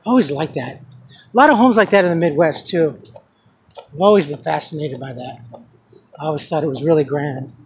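Speaking at a normal speed in a slightly high voice, this vlogger pauses often while filming his neighborhood on a handheld camera as he walks. He chats casually and rambles with fillers, while passing traffic and street ambience from the residential street come through.

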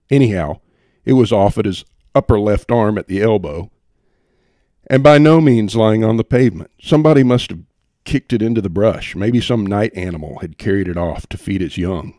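A man's voice: fairly low pitch, warm tone, no echo, clean studio sound. A man reading a humorous first-person story aloud, with a wry, theatrical delivery. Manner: wry, theatrical delivery with playful voices for quotes. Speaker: audiobook narrator.

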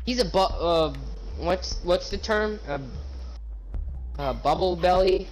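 Loud and goofy, a young man jokes and teases his way through a gaming session, his voice sitting a touch high. A faint hum of room noise sits under his casual banter. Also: slow, rough recording. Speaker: gamer playing with his sibling.

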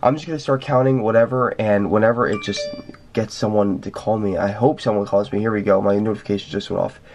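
A young man talking casually to his viewers in a vlog at home at night, excitable and slangy, sometimes dropping to a whisper. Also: fairly low pitch, fast, lo-fi sound, soft background music. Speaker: vlogger.

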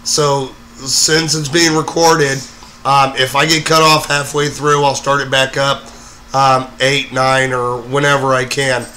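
A hoarse man getting over a cold, hosting a live makeup tutorial in a rambling way with lots of fillers. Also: medium pitch, little pitch movement, measured pace, pushed and bright, slight background noise. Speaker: host of a live makeup show. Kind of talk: casual live-stream tutorial.

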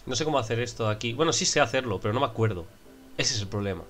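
A young gameplay streamer with a Spain Spanish accent gives casual commentary, excitable and quick to swear and shout in frustration. His voice is mid-range and he talks very fast.

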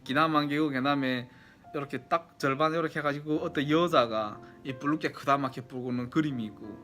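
Bright-voiced man with a Yanbian Korean accent. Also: medium pitch. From Yanbian, China. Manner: chatty, polite formal endings. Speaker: vlogger. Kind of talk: casual nostalgic storytelling to viewers.

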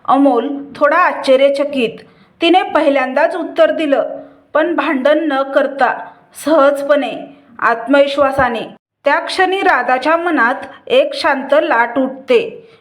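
A woman narrates a family story with a high voice and a slow, unhurried pace. Her telling is gentle and measured, read from a script.

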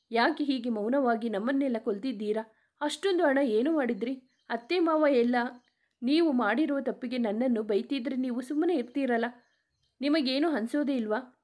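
A woman's voice: high voice, darkish tone. A woman voicing a tearful wronged young wife. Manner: pleading, crying reproach.

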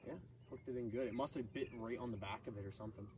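A man's voice: mid-range voice, fairly even intonation, rapid-fire. A young man in a small boat on a lake, casually explaining step by step how he fishes. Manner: laid-back, explains step by step. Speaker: angler demonstrating a technique. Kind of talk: casual outdoor fishing chat. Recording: slightly distant, faint outdoor noise.

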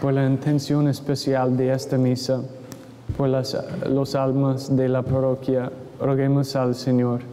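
A man speaking as a priest, solemnly and in measured phrases reciting prayers at Mass in a cathedral echo. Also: medium pitch, monotone, mellow, a little hiss or hum. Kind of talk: liturgical recitation of creed and prayers. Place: large church, standing at the altar. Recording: echoey church with long reverb, congregation sounds. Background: congregation.

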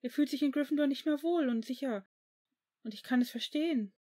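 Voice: high-pitched, brisk, mellow, voice pushed up, lightly acted. Reader doing a woman, teacher, worried, hesitant, pleading, storybook. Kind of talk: audiobook reading of fan fiction.

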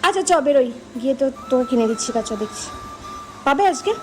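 Brief: high-pitched woman, casual home vlogger, talks to viewers, soft music underneath. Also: animated, brisk. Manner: chatty, addresses viewers directly. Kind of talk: casual home vlog chat. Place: at home, indoors.

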